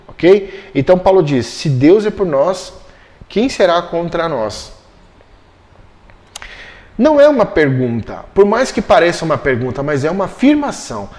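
A man's voice: on the high side, darkish tone. A man teaching a Bible study, explaining step by step and checking in with his listeners often.

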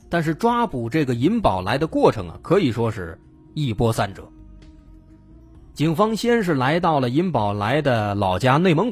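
A man's voice: medium pitch, breathy edge. A man narrating true crime as a dramatic storyteller, building suspense with questions.

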